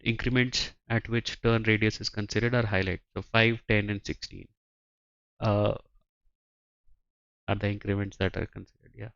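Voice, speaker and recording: A man's voice: fairly low pitch, dull audio. A man with a nasal, congested voice from being sick, reading a development blog aloud on a live stream and adding hesitant asides. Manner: reads aloud, then adds hesitant asides with many fillers. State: congested, under the weather.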